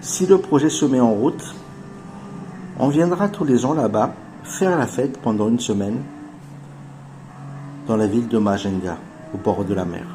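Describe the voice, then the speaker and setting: A man in his forties giving an earnest, persuasive investment pitch as voice-over narration, addressing his viewers as family. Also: a little slow, long pauses, dark tone, faint music behind. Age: 40s. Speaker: channel host pitching an investment project.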